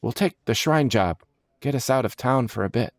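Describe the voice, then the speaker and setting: A man with a medium-pitched, natural voice, raised above his own usual pitch, voices an eager, proud male adventurer who earnestly explains things in storybook character dialogue. He speaks at a moderate pace with a resolute mood, and the recording is dry and studio quality.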